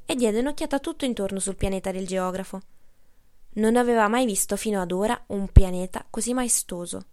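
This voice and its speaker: A woman narrating a storybook aloud in a calm, measured reading. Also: mid-range voice, no echo, clean studio sound. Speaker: audiobook narrator. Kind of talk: scripted narration.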